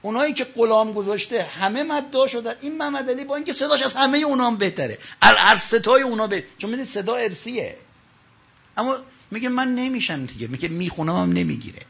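A man preaching a religious sermon from the pulpit, telling stories and swinging between loud calls and low asides. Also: creaky, husky, lo-fi sound.

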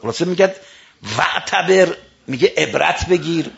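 A man preaching a storytelling sermon, swinging from hushed narration to loud declaiming, with slow drawn-out recitations. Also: on the high side, creaky, highs cut off.

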